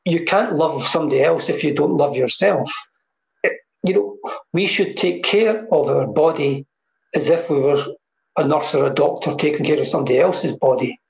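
A guest on a video call discusses mindfulness thoughtfully, repeating phrases for emphasis. He has a fairly high, creaky voice at normal speed, and the computer-mic audio comes across dull and echoey.

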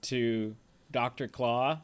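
A man co-hosts a casual podcast, chatting loosely about a film, drifting into tangents and leaning heavily on fillers. His voice is medium-pitched, steady and resonant, and he speaks very slowly and clearly.

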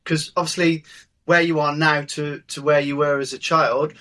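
A man's voice: fairly high pitch, little pitch movement, normal speed, sharp tone. Easygoing male podcast host. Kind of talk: conversational interview.

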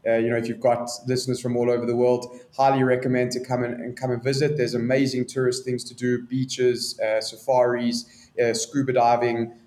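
South African man, flat and roomy. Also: mid-range voice, brisk. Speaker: guest, business expert. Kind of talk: remote interview answers.

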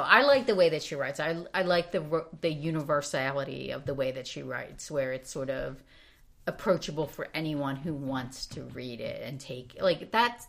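A woman with a notably low voice talks about books on a casual podcast. She thinks aloud, softening her points with frequent hedges. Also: creaky. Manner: thoughtful, hedging with "sort of". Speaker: podcast co-host. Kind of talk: casual book discussion.

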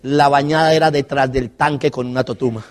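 A man's voice: medium pitch, a little fast, slight background noise. A Colombian man speaking as a motivational speaker, telling humorous life stories to a live audience and asking them questions. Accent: Colombian Spanish. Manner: animated, asks the audience questions and jokes. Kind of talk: live storytelling talk to an audience.

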